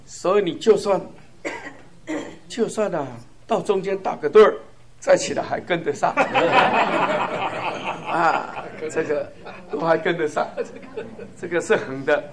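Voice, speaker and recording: A man's voice: a little high, a little slow, long pauses. A man giving a fervent sermon-style testimony, chuckling often and stressing points in lists. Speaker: church speaker.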